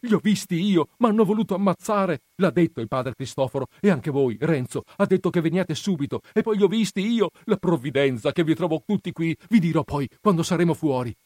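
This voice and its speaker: A man's voice: on the high side, animated, a little fast, hardly any pauses, a little mellow, no room sound, clean studio sound, voice pushed up. A man voicing a frightened young village boy who speaks breathlessly and urgently. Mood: panicked.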